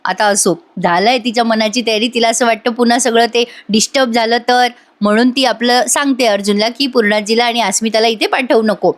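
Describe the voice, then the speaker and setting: A woman's voice: a little high, fairly even intonation, a little fast, hardly any pauses. A woman narrating a chatty voice-over recap of a TV serial episode, talking directly to her audience.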